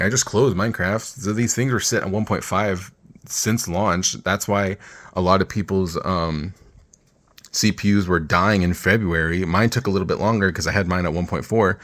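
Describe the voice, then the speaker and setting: Weary low-pitched man ranting casually. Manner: rambling, informal. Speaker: tech vlogger. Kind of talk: casual rant over screen demo.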